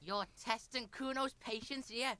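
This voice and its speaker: A woman's voice: on the high side, steady tone, a little slow, heavy background noise, close to an everyday voice. A woman voicing a foul-mouthed, hostile young boy who curses nonstop and speaks of himself in the third person.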